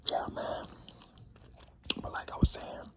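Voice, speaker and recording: A man's voice: takes it slowly, heavy background noise. A man whispering a rambling, slangy, informal ASMR talk while chewing gum, with mouth sounds. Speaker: ASMR creator.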